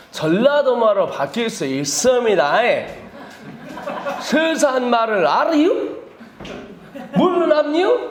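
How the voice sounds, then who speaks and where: Animated man lecturing in an echoey hall. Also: extremely high pitch. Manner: animated, chatty, laughs at his own jokes. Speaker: missionary speaker at a teachers' seminar. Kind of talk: lively seminar lecture. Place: indoor seminar room.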